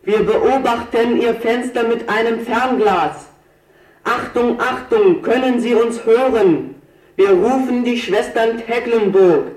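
An actor playing a young man who calls out formal announcements through a large loudspeaker, heard echoey and from far off. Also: very high-pitched, slow. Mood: announcing. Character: eager young male helper announcing over a loudspeaker. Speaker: neighborhood youth making loudspeaker announcements.

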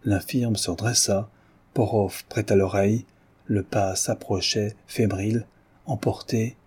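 A male audiobook narrator reads a novel in a measured, solemn way. His voice is low, dark and mellow, with a husky grain. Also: fairly even intonation.

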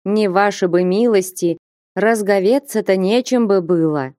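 A woman's voice: medium pitch, a little slow, warm tone, no echo, clean studio sound, close to an everyday voice. A woman voicing a humble, respectful young man who speaks plaintively, in an audiobook.

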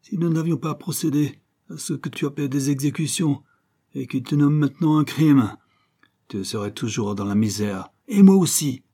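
A man's voice: on the high side, normal speed, warm tone, breathy edge, voice pushed up. A man voicing a menacing, scornful male gang boss who threatens and mocks in a raised, harsh voice. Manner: snarling, threatening, mocking.

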